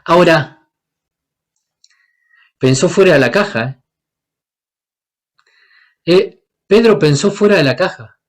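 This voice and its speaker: A man's voice: fairly high pitch, animated, takes it slowly, pauses often. A man from Paraguay, preaching a sermon and asking the congregation questions as he acts out the Bible characters. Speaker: guest preacher.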